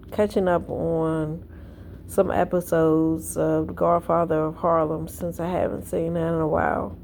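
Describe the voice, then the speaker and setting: A woman's voice: fairly low pitch, warm tone, a little hiss or hum. A woman vlogging from home in casual chat, tired and yawning, telling a rambling story. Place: at home indoors.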